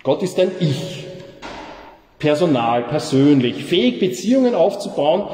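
A male pastor delivers a sermon in a slightly raised voice. He speaks slowly and with emphasis, letting pauses hang. The sound carries the long, roomy reverb of a large church. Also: a little high, big pitch swings, dark tone, faint music behind.

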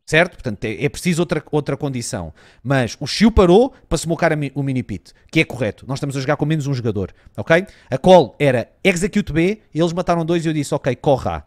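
A young man with a European Portuguese accent, streaming and calling plays for his team in voice chat, swearing often and swinging between muttering and yelling. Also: on the high side, animated, quick pace, hardly any pauses. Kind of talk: competitive gaming voice chat.

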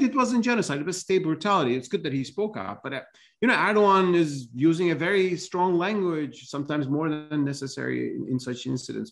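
Middle-aged Turkish-accented man, gravelly voice, earnest panel guest on a video call, restarts often. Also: mid-range voice. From Turkey. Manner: earnest, gestures with hands, frequent restarts. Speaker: guest commentator. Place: home office, indoors.

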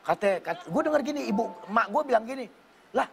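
Man, very high gravelly voice, loud storyteller who acts out the quotes, music under the studio. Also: lively intonation, fast, crowd noise. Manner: loud, laughing, acts out lines with shouts. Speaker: guest comedian telling a story. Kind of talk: animated anecdote with acted-out quotes.

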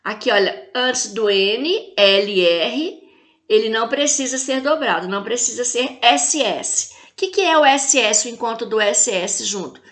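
Brazilian lady teacher going slow, kinda high bright voice, asks the kids questions. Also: expressive. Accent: Brazilian Portuguese. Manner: slow, spells out and stresses syllables; talks to pupils with rhetorical questions. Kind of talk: recorded class lesson.

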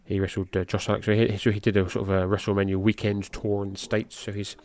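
A middle-aged man, a native English speaker with a slightly low voice, calls a wrestling match fast in loose, rambling podcast commentary. He swears casually here and there, and his pitch and volume climb when the big moves hit.

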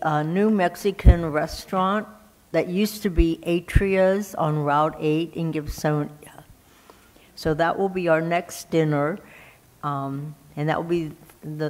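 Slow, hesitant woman giving church notices. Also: deep voice, a little mellow, poor audio. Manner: hesitant, many fillers. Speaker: church member giving announcements. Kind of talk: church announcements.

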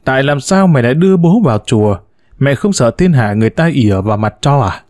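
A man's voice: medium pitch, lively intonation, fast talker, a little mellow, no room sound, studio quality, natural voice. A man voicing a blunt youngest son who lectures his mother in a storybook reading. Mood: indignant.

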